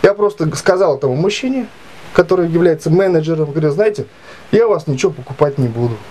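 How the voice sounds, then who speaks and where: A man in his late thirties telling a grievance story to camera in a halting, filler-heavy way. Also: a little high, animated, darkish tone, slight background noise. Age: 30s. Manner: halting, many fillers and restarts, aggrieved retelling. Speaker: vlogger. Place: small indoor room.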